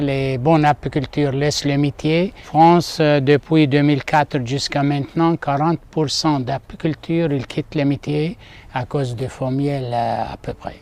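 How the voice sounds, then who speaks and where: Man from Syria, slightly high voice, beekeeper explaining his trade, hesitant. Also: steady tone, darkish tone. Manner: careful non-native French, many pauses. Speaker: master beekeeper and trainer. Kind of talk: interview.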